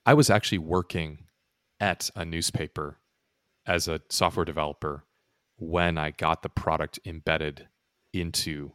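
A man's voice: rumbling low, fairly even intonation, a little slow, a bit bright, no echo, studio quality. A man chatting casually and emphatically, often checking that his listener follows as he explains his point. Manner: emphatic, checking in with "right?" and "you know". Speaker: podcast co-host with software background. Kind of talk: casual conversational talk.

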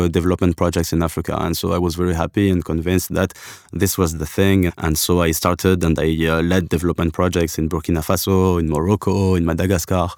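A man from Algeria, a guest on a podcast interview, who answers thoughtfully with many pauses and restarts. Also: low voice, a little mellow, no echo, clean studio sound. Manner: thoughtful, hesitant with frequent restarts.

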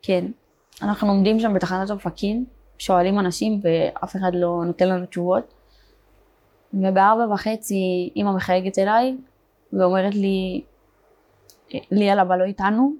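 A young woman from Israel, a border police fighter, telling her story in an interview, halting, with many fillers and restarts. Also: medium pitch, steady tone, a little mellow. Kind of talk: personal testimony in an interview.

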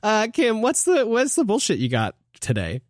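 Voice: mid-range voice, normal speed, no room sound, studio quality. A co-host of a video game show chatting casually and laughing often, recording from inside a closet in a vacation house. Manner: laughs often, animated and joking. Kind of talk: casual chat.

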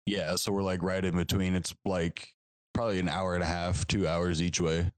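Deep, easygoing band member from Texas. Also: male voice, flat delivery, moderate pace, clear, resonant tone, dry recording. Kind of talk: casual interview chat.

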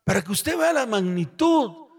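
A male pastor preaching a sermon, calling on the congregation to answer aloud and swinging between shouts and hushed storytelling. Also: high voice, big pitch swings, measured pace, slightly rough. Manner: call-and-response, urging the congregation to answer aloud. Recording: long hall reverb.

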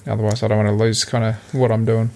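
A young Australian man chats easily as a podcast co-host, his voice gravelly and a little low. He rambles along with fillers and restarts, relaxed and unhurried, talking over a remote call. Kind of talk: casual chat.

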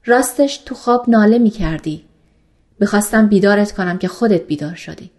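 A woman reading a gentle, reassuring male doctor. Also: mid-range voice, natural voice. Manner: soft, reassuring. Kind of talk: audiobook dialogue reading.

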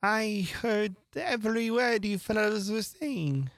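Give me a woman playing a feeble, hoarse, half-asleep dormouse telling a story. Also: medium pitch, no room sound, voice pushed up. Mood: drowsy. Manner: slow, dreamy. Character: sleepy, drowsy male dormouse.

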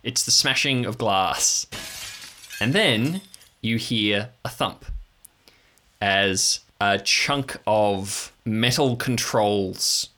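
A man improvising narration as a tabletop game master, halting as he searches for words. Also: on the low side, bright, forceful tone.

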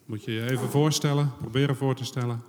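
A man interpreting a sermon phrase by phrase, in a steady and businesslike way. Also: medium pitch, in a large hall. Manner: brisk, steady, follows each phrase closely. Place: church hall.

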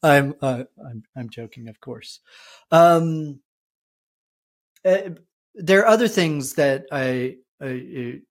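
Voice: medium pitch, animated, slow pace, pauses often. A podcast host talking casually, hesitant, with many fillers and restarts. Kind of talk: casual conversation.

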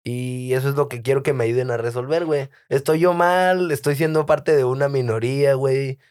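A man's voice: medium pitch, a little fast, a little mellow. A man co-hosting a comedic podcast, telling stories in slangy casual chat and laughing often. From Baja California, Mexico. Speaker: podcast co-host.

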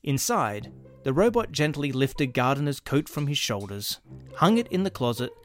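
A man narrating a dramatic science fiction story in a lively, expressive way. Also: medium pitch, normal speed, soft background music.

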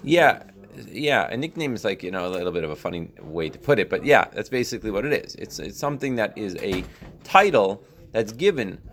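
A man's voice: fairly low pitch, sing-song, a little fast. A man giving an informal religious text lesson as a teacher, reading line by line, rephrasing and often checking in with short tag questions. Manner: explanatory, repeats and rephrases, checks with frequent "right?". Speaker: Torah teacher.

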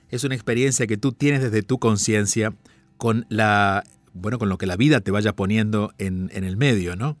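A man hosting an advice call-in radio show, speaking in a calm, reflective and measured way. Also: medium pitch, no echo. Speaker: radio host and life counselor.

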